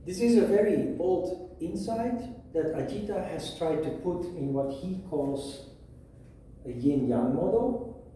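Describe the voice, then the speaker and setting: Slow-speaking man teaching in an echoey room. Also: fairly high pitch, dark tone, slight background noise. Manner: slow, measured, with pauses and restarts. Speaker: yoga teacher. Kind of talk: explanatory lecture at a whiteboard. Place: room with a whiteboard. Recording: echoey room, mic at a distance.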